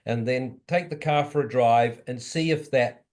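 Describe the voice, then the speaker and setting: Male advisor, medium-pitched voice, methodical and informal practical instruction. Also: measured pace, darkish tone. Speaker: advisor giving technical tips. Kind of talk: casual technical instruction.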